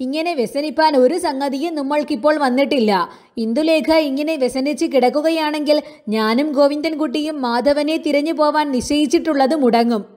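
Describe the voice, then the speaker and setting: A woman's voice: high voice, fairly quick, a little mellow, lightly acted. Woman doing a firm, grieving older man. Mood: resolute.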